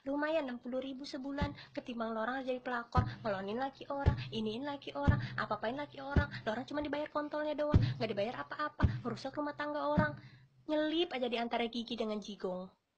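A woman's voice: high voice, quick pace, lo-fi sound, music in the background. A woman chatting on a live stream from her phone, brash, crude and rambling in slangy talk. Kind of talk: casual live-stream chat.

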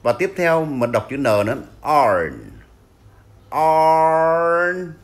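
A man with a Vietnamese accent teaching English pronunciation, slowly drilling words and repeating them for learners to copy. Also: medium pitch, big pitch swings.

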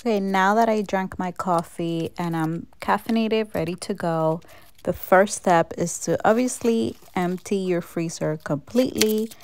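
Her voice is medium-pitched, smooth, and darkish, and she takes her time. She's a woman in her thirties talking casually to camera and in voice-over from her kitchen at home, cheering viewers on about organizing and laughing at her own clutter.

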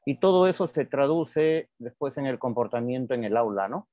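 A male psychotherapist, appearing as a guest, answers interview questions frankly and reflectively, repeating words for emphasis. His medium-pitched voice has lively intonation and a normal pace. The recording is dry and dull, lo-fi, with no room sound.

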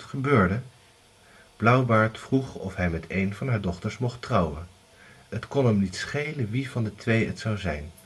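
A man narrating a fairy tale in an expressive, lively storytelling manner. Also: fairly low pitch, slightly rough.

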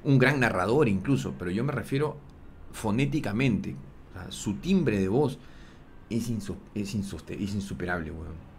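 A man's voice: fairly low pitch, animated, moderate pace, gravelly, a little hiss or hum. A man, hosting a sports talk show, explaining things in a loose, slangy way full of fillers. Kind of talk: casual analysis chat.

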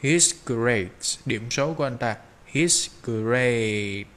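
A man teaching English pronunciation, drawing out slow model phrases between quick explanations. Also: medium pitch, fairly bright tone. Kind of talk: pronunciation lesson.

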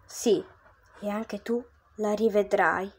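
A woman voicing the ghost of an ancient Roman poet, a stern yet gentle man who speaks low, hushed and measured. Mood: solemn reassuring.

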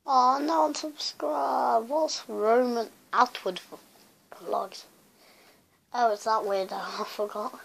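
A woman's voice: a little high, slow pace, vocal fry, breathy edge. A woman YouTuber chatting casually in a rambling, self-mocking way as she looks back at her old videos. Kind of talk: casual vlog commentary.

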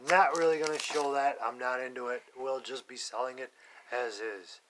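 A comic collector vlogger, a young man, narrates an unboxing in a mid-range voice with fairly even intonation and a moderate pace, against a noisy background. He films from above with a phone at an indoor table, plainly listing issues and cursing bluntly when irritated.

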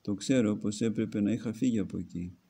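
A man's voice: on the low side, dark tone, husky. A man, an Orthodox archimandrite, reads a book aloud as a homily and breaks off to add his own comments. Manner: reads narrative then pauses to comment.

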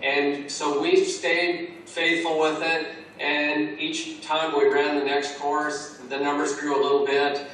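Over a call, an Alpha course trainer is interviewed about the church course, speaking earnestly and often restarting his sentences. His fairly high, fairly bright voice is flat in delivery, slow, and has hardly any pauses. The call audio sounds echoey and distant, with slight background noise.

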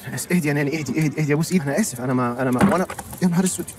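An actor doing an overweight young man, film comedy, flustered, apologetic, very fast talk, clear background noise. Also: on the high side, lightly acted. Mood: panicked. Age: young adult. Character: lonely overweight young man, nervous and polite.

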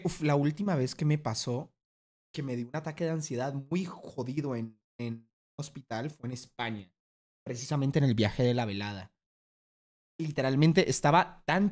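A man streaming a casual reaction to a video, talking bluntly, swearing freely and now and then acting out a voice in a sudden loud burst. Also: mid-range voice.

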